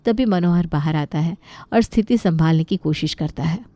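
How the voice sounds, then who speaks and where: A woman's voice: fairly low pitch, normal speed, mellow, no room sound, clean studio sound. Woman narrating a cartoon story. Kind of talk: scripted narration.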